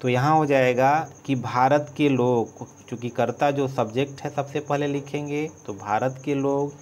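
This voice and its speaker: A man teaching an English lesson, spelling words out letter by letter as he writes and trailing off softly. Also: mid-range voice, fairly even intonation, unhurried. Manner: dictates letter by letter, trails off softly while writing. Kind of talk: slow board-writing lesson, spelling out words.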